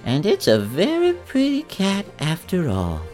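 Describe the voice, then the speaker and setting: Man voicing a very old woman, frail, gentle, slow, sing-song high voice, soft music behind. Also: huge pitch swings, heavily acted. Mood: proud. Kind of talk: storybook read-aloud.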